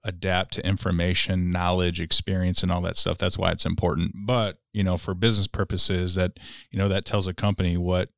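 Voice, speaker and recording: A man's voice: deep voice, flat delivery, brisk, vocal fry, fairly bright tone, no echo, clean studio sound. A man in his forties hosting a casual family podcast, asking questions and explaining things with playful asides. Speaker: podcast host, father.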